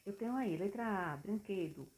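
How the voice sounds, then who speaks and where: A woman's voice: mid-range voice, expressive, normal speed, darkish tone, a little hiss or hum, rough recording. A woman, a schoolteacher explaining a worksheet casually and talking straight to her pupils. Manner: chatty, talks straight to pupils.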